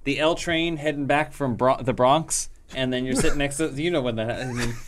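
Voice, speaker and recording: A man's voice: mid-range voice, a little fast, slight background noise. A man co-hosting a podcast, rambling through jokey stories and laughing mid-sentence. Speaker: podcast co-host. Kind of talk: casual podcast chat.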